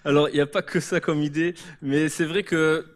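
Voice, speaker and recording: A man's voice: a little high, little pitch movement, normal speed. A man being interviewed as a guest author at a church service, explaining his ideas in an earnest, reflective way. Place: church service before a congregation.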